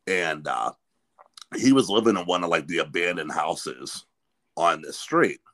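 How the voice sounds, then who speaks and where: A man's voice: low-pitched, a little slow, a bit bright. A man, hosting a podcast in casual, rambling chat full of restarts. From Pennsylvania. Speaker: podcast host.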